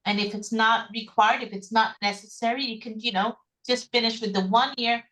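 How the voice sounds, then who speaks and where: A woman's voice: fairly high pitch, steady tone, normal speed, fairly bright tone, rough recording. A woman speaking informally and reassuringly as a webinar host, explaining options over a video call. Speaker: webinar host, immigration consultant.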